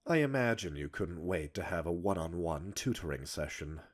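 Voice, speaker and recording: In an ASMR roleplay audio drama, a man with a deep voice and lively intonation plays a smug, arrogant professor at normal speed. He talks like a scientist, erudite and teasing, flirting while being condescending.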